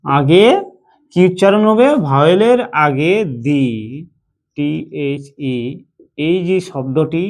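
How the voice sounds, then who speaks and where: Speaking in a fairly high, animated voice, a Bengali-accented man teaches English pronunciation slowly. He goes over points repeatedly and poses questions that he then answers himself.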